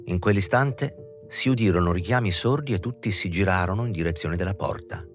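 A man giving an expressive, theatrical audiobook reading of a novel. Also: sits low, a little fast, soft background music. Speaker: audiobook reader. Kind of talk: literary audiobook narration.

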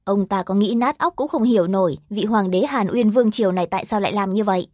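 Lady narrating a fantasy audiobook, mid pitch, very dry close sound. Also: quick pace, darkish tone, dry recording.

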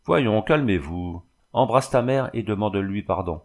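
A man voicing a kindly, gently firm village priest who coaxes and scolds like a father, in a storybook reading. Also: lowish voice, lively intonation, a little slow. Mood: persuading. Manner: coaxing, paternal scolding.

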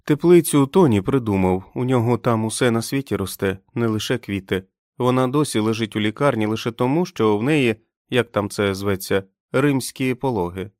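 A man voicing a jittery, excitable young male sentry who babbles eagerly in an audiobook. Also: medium pitch, moderate pace, hardly any pauses, no echo, clean studio sound, voice pushed up, lightly acted. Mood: babbling.

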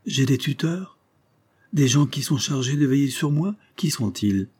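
A man reading aloud, voicing a girl of nearly twelve who speaks calmly, seriously and with odd formality, in a dark, husky voice. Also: mid-range voice, unhurried, pitched above the performer's own voice. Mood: grave. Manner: calm, serious, oddly formal for a child.

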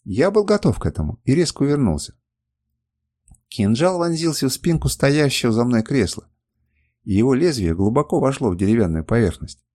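A man narrating a first-person adventure novel, his pitch moving in a lively, animated way. The reading is dramatic and the sound is dry and close, with no room around it. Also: brisk, dry recording. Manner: expressive, dramatic storytelling. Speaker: audiobook narrator.

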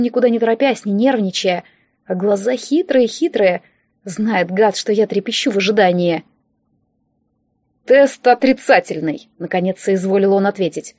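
A woman narrating a humorous romance audiobook in a wry, lively first-person manner. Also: mid-range voice, dry recording, muffled recording.

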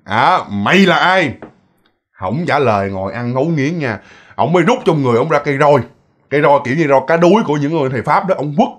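A man with a Southern Vietnamese accent narrating a spooky tale as if chatting with friends. His voice sits a little high and he fills his talk with casual asides to the listeners. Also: lively intonation, quick pace. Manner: chatty, addresses listeners, lots of fillers. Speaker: ghost story narrator. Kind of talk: casual spoken storytelling.

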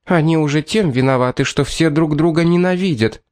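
A man voicing a shrill, panicky woman cook who grows indignant easily. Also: moderate pace, natural voice.

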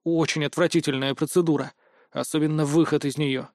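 A man reading an audiobook, voicing a stubborn teenage boy psionic who speaks softly and defensively. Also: a little high, fairly even intonation, a little fast, no room sound, clean studio sound, close to an everyday voice. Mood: subdued. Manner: soft, subdued, defensive.

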